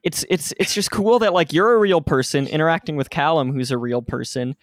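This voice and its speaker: A man's voice: on the high side, fairly quick, no echo. A man co-hosting a podcast in casual chat, rambling with restarts and laughing often. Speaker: podcast co-host.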